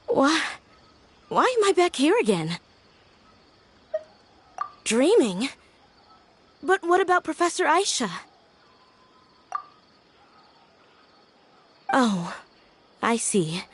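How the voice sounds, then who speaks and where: Wistful young woman, highish voice. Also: sing-song, a bit bright, full character voice. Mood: groggy, confused. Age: young adult. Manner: reflective, unhurried storytelling. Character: young woman scholar, wistful, earnest, polite. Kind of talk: video game voice acting. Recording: faint background noise.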